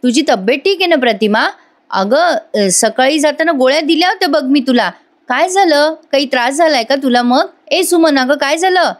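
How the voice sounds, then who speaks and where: A woman voicing a stern middle-aged man with a quick temper while retelling a TV serial scene, scolding and firing off demands. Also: high voice, pitched above the performer's own voice, lightly acted. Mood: worried.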